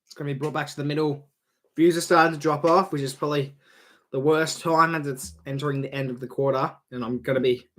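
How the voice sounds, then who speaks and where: A young Australian man calling a football match on a live stream, chatty and rambling, swearing freely and getting louder on goals. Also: medium pitch.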